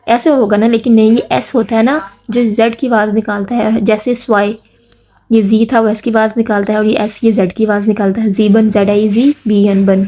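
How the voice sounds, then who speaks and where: A woman's voice: medium pitch, mellow. A woman giving a casual spoken lesson, spelling words out letter by letter and asking listeners to repeat after her. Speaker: language teacher.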